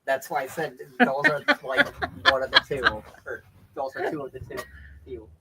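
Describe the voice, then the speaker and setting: A woman's voice: deep voice, very animated, normal speed, gravelly. A woman from Wisconsin chatting casually in short, terse interjections. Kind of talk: casual chat. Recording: noisy background ambience.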